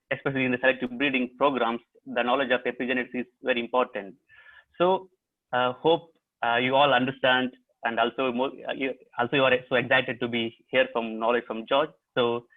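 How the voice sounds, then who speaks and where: A man moderating a webinar over a video call, halting with fillers as he introduces the speaker. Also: mid-range voice. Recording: tinny phone-like line.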